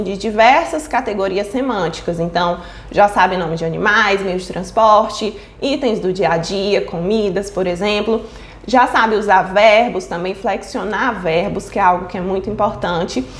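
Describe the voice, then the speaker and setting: The recording has a roomy sound, and the woman speaking has a medium-pitched voice. She teaches child speech development in an explanatory online lesson, pausing to check in with listeners through frequent fillers like "certo?" and "tá?".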